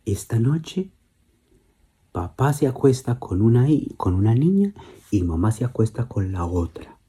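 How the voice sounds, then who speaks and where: A man voicing a calm father reassuring his daughters in a bedtime story, speaking softly. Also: mid-range voice, measured pace, husky, heavily acted. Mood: gentle reassuring. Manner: soft, gentle, often near whisper.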